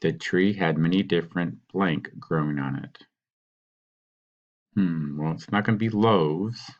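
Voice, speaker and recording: A man teaching, patiently talking students through a worksheet and sounding out words slowly. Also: deep voice, lo-fi sound. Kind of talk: recorded classroom walkthrough.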